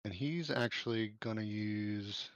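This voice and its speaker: A man's voice: fairly low pitch, measured pace, a bit bright, no room sound, lo-fi sound. Casual man running a tabletop game. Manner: casual, with fillers and self-corrections. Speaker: game master. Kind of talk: narrating an online tabletop game.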